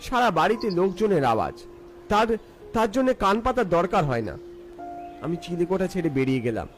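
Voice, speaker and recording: A man's voice: high-pitched, big pitch swings, normal speed, soft background music. A man narrating a scripted first-person ghost story in a theatrical, suspenseful way.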